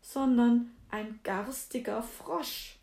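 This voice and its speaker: A woman's voice: on the high side, steady tone, drawn-out words, creaky, warm tone, pitched above the performer's own voice, full character voice. A woman voicing a spoiled young princess in a fairy tale reading, eager and pleading, in a roomy echo. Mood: frightened.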